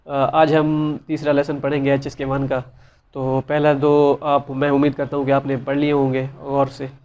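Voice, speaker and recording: A man's voice: medium pitch, completely flat delivery, normal speed, darkish tone, highs cut off. A man giving a casual spoken lesson, patiently explaining and repeating each word many times, with many fillers. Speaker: language teacher. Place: side room with noise around.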